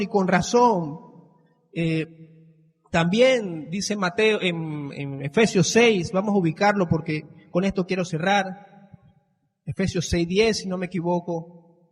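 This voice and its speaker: Animated preacher, high voice, echoing church, dramatic quotes. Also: male voice, unhurried, husky. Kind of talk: sermon.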